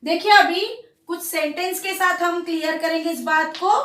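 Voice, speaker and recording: A woman teaching a grammar lesson to children, speaking slowly and deliberately as she reads example sentences aloud. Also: very high voice, steady tone, fairly bright tone, distant mic. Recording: roomy echo, away from the mic.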